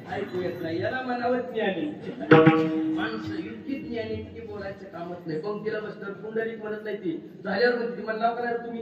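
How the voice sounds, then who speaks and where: A man with a rural Marathi accent preaching a kirtan sermon, telling humorous stories and breaking into sudden loud exclamations. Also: high voice. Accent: Marathi rural Maharashtra. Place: large pavilion at a kirtan gathering. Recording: far-off echoey hall mic, slightly dull, noisy.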